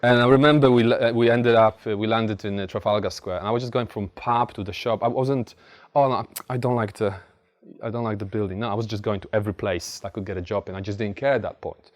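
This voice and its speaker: A man's voice: fairly low pitch, fairly even intonation, fast, hardly any pauses. A man from Poland with a Polish accent giving a blunt, informal motivational talk, telling stories with emphatic repetition. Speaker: motivational speaker. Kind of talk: motivational talk to a live audience.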